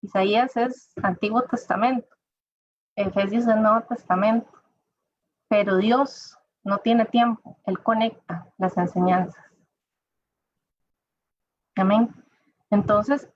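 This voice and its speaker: Speaking in a fairly high voice, a church speaker delivers an informal sermon, chatting conversationally and talking straight to her listeners. The dull, dry, lo-fi recording has no room sound.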